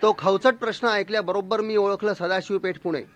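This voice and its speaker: A man telling a humorous story in a lively, expressive, mock-dramatic way. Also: high voice, brisk, very noisy.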